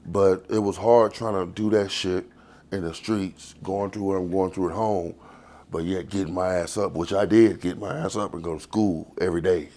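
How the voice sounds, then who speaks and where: A man's voice: low-pitched, steady tone, normal speed, dark tone. A man, telling his life story in a loose, rambling, profane way in an interview. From Texas. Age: 40s. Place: outdoors on the street.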